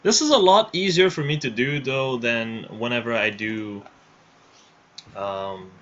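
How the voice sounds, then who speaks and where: A man's voice: medium pitch, unhurried, a bit bright. A man hosting a live stream over his headset mic, talking casually and rambling with frequent restarts. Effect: livestream headset mic audio. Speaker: livestream host running a build showcase. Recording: dull lo-fi stream audio.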